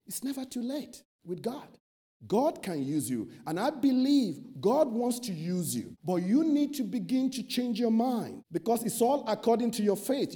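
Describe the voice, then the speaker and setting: A man's voice: sits high, dark tone. A man preaching a sermon, emphatic, building lists and rhetorical questions.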